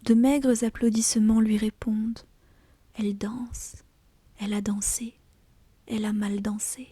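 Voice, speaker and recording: A woman reads fiction aloud in a breathy ASMR whisper. Her delivery is slow and deliberate, with a soft, dark tone. The sound is close and dry, like an intimate audiobook. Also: medium pitch, little pitch movement, no echo. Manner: slow, hushed, deliberate storytelling. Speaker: audiobook reader.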